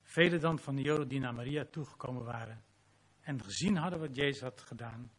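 Man, pastor, sermon, husky voice, dramatic preaching. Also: medium pitch, a little fast. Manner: preaching with dramatic quotes and prayer.

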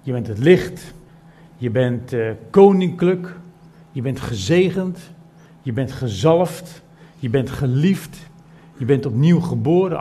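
A middle-aged preacher in a church service that is also streamed to people at home. His voice sits at a medium pitch for a man. He starts soft and measured, then rises into loud, repeated, emphatic lines. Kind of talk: sermon with Bible reading.

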